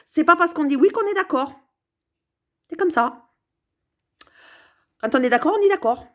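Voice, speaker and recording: A woman's voice: high voice, lively intonation, moderate pace, a bit bright. A woman musing playfully to camera from her sofa at home, meandering with many hesitations and repeated words. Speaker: vlogger. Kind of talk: rambling casual musing to camera.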